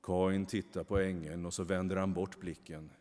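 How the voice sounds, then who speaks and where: A man reads a story aloud in a calm, low voice, with a long hall reverb trailing after each phrase. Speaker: narrator. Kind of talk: storybook narration.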